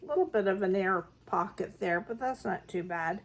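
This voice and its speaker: In her kitchen, a middle-aged woman vlogs about home baking, walking viewers through a bread recipe one step at a time in a cozy, chatty way. She talks in a mid-range voice at a moderate pace.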